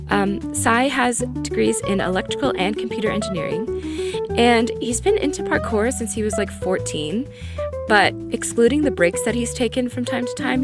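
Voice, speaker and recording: A young woman hosting a casual podcast interview while sick, her voice hoarse and deepened, chatty and teasing. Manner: laughs often, chatty and teasing. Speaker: podcast host. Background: guitar music.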